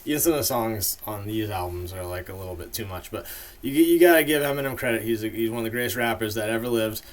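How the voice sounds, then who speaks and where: A man's voice: lowish voice, quick pace. A man in a casual, rambling monologue full of fillers, giving his opinions as the host of a ranking video.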